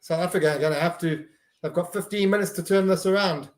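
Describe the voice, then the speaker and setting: A man's voice: sits high, quick pace, echoey room. A man hosting a live stream, giving casual running commentary on a match and reacting to each play.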